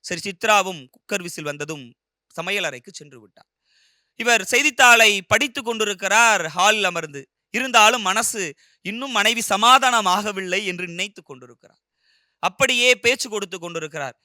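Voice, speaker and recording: A man retelling a short story with expressive, animated narration. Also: high voice, normal speed, no room sound, clean studio sound.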